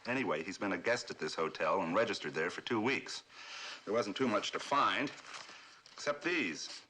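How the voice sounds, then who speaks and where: A man's voice: lowish voice, lively intonation, normal speed, bright, forceful tone, slight background noise. An actor playing a bumbling, deferential police sergeant in a 1970s TV crime drama, fumbling his words.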